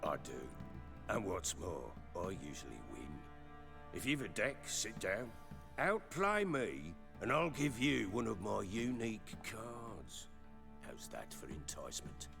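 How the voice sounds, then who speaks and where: Gravelly, blunt fantasy lord. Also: male voice, fairly low pitch, very animated, slow pace, heavily acted. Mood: confident, challenging. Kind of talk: scripted video game acting. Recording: game music underneath.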